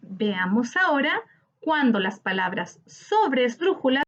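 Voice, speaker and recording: Slow, lively woman teaching grammar. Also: fairly high pitch. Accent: Chilean Spanish. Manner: slow, clear, syllable-by-syllable teaching delivery. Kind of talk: recorded grammar lesson for children. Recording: slightly dull lo-fi audio.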